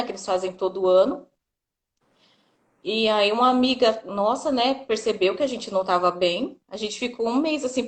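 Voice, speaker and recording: Lively São doula telling her story. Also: medium pitch. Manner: lively narration that often acts out quoted dialogue, frequent "né". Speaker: doula, interview guest. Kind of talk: personal storytelling in a podcast interview.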